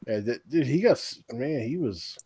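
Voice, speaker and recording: A man's voice: mid-range voice, animated, moderate pace, dark tone, breathy edge, no echo. A man chatting casually as a streamer, rambling conversationally and often trailing off. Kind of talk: casual chat on a livestream.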